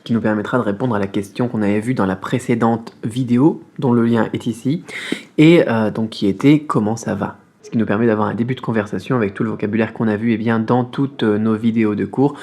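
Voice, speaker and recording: Husky man teaching beginner Mandarin. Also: fairly low pitch, darkish tone. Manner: friendly explaining, repeats sounds slowly, many fillers. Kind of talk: casual video lesson.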